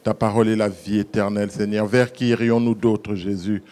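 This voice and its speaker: A man's voice: lowish voice, flat delivery, fairly quick, a little mellow. A man saying a spoken prayer over the church offerings, calling out to the Lord between phrases.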